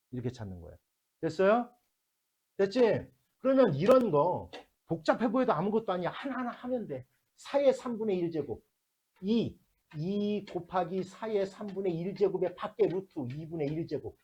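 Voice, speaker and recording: This math teacher's voice is mid-range, a touch mellow and a bit rough, and the recording sounds dull. Lecturing the class, he walks through each problem step by step, constantly asks if students understand, and switches between blunt casual speech and polite endings.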